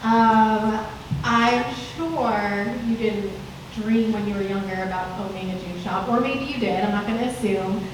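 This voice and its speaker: A woman's voice: mid-range voice, steady tone, a little slow. A woman moderating a panel, friendly and a little hesitant. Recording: very echoey room, distant mic, noisy.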